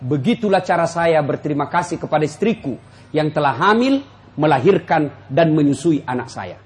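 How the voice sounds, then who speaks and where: A man preaching a humorous sermon to a live audience, addressing them directly and acting out quotes with big jumps in pitch. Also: lively intonation, normal speed. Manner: jokes, addresses listeners directly. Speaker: Islamic preacher.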